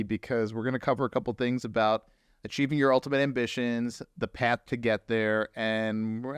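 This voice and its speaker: A New Jersey man hosts a podcast in loose, casual chat full of filler words, his medium-pitched voice smooth. The studio sound is clean with no room sound.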